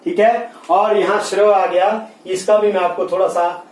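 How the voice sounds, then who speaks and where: Male grammar teacher, high-pitched, patient step-by-step explainer, distant mic. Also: fairly even intonation, a little mellow. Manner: explains slowly, spells letters out piece by piece, asks and answers his own questions. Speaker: Hindi teacher. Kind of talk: classroom grammar lesson. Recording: echoey room, mic at a distance.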